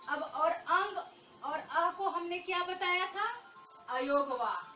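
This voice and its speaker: A woman's voice: very high-pitched, expressive, slow pace, sharp tone, distant mic, faint music behind. A woman teaching a lesson to children, patiently repeating points and drawing out vowel sounds. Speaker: Hindi teacher. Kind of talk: online Hindi lesson for children. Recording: echoey room, voice a bit off-mic.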